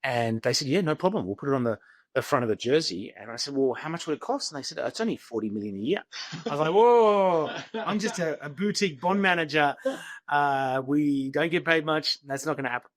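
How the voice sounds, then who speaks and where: This interview guest is an investment executive from Sydney who speaks with an Australian accent and shares anecdotes informally. His pitch sits fairly high, and his brisk, expressive delivery comes through with no room sound.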